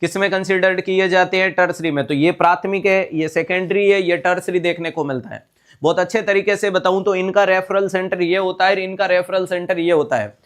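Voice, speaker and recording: A man's voice: sits high, fairly even intonation, fairly quick, smooth. A man teaching a live online nursing exam class, explaining step by step, repeating key terms and checking that students follow. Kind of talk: online exam-prep lecture.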